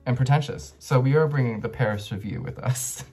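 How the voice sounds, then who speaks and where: A man's voice: medium pitch, a little fast, darkish tone, slightly rough. A young man talks to camera as if to friends, a bit drunk and rambling freely. His mid-range voice is effusive and casual, with stop-and-start phrasing. Guitar music plays behind him. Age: young adult. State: tipsy. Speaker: book reviewer vlogger. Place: small bedroom indoors.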